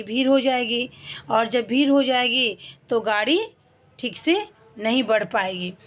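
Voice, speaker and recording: A woman teaching a primary school Hindi class, explaining slowly and asking questions that she answers herself. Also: sits high, dull audio. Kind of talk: online class lesson.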